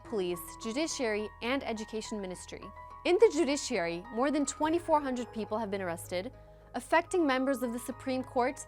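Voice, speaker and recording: A woman reading a scripted news report as a narrator, in deliberate, neatly segmented phrases. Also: high voice. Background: background music.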